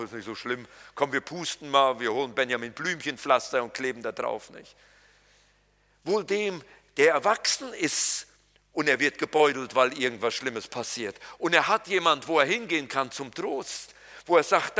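A man's voice: fairly high pitch, pushed and bright. A man preaching a sermon as pastor, colloquial and jokey, talking straight to his congregation. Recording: reverberant hall.

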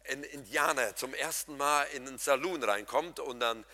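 A man preaches a sermon with a bright, forceful voice, chatting directly with his congregation. He moves between loud emphatic lines and hushed ones. His voice carries a long reverberant tail from a church hall. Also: mid-range voice, moderate pace. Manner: lively, humorous, addresses congregation directly; swings between loud emphatic and soft quiet passages.

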